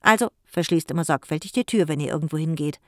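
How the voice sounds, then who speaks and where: An audiobook reader voicing a grumpy, fussy middle-aged uncle who loudly scolds the children. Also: medium pitch, quick pace, dry recording, clean studio sound, close to an everyday voice. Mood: scolding. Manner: scolding, bossy, loud.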